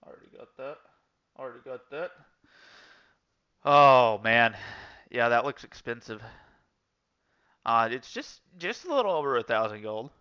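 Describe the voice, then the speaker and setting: A man's voice: mid-range voice, lively intonation, unhurried, long pauses, sharp tone, clear, resonant tone, muffled recording. A man chatting casually on a gaming stream, telling rambling stories with many restarts and fillers.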